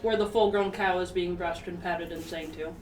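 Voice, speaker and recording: A woman's voice: on the low side, steady tone, normal speed, far from the mic. A woman narrating as game master of a tabletop game, casual, chatty and giggly. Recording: roomy, from the mic, faint music.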